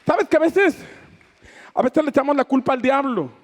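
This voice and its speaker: A man's voice: extremely high pitch, expressive, moderate pace, slight background noise. A man preaching a sermon, fervent and declamatory, raising his voice for emphasis. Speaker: pastor.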